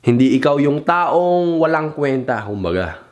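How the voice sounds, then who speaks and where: A young man with a fairly high, very animated voice gives casual advice in a vlog at an unhurried pace. He switches between Tagalog and English, swears freely, and mimics other people. His talk rambles loosely and he loses his train of thought.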